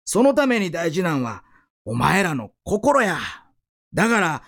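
A man's voice: high-pitched, big pitch swings, unhurried, fairly bright tone, exaggerated voice. A man voicing a stern but caring band teacher from Osaka, who talks bluntly and barks questions at his students in an Osaka accent. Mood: firm teaching.

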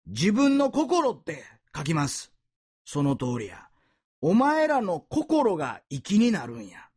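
A pastor quoting a gruff male high school band teacher from Osaka, speaking in Osaka dialect and bluntly quizzing his students. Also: wildly swooping pitch, takes it slowly, a little mellow, heavily acted. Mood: stern.

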